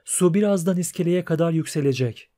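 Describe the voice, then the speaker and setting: A man reading the part of a learned young female poet, explaining things in an even, plain manner. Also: fairly high pitch, fairly quick, close to an everyday voice. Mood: patient.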